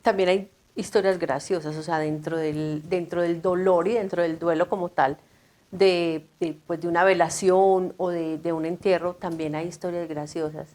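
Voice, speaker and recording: A woman hosting an interview who prompts her guest with measured questions. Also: fairly low pitch, fairly even intonation, darkish tone. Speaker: interview host. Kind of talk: conversational interviewing.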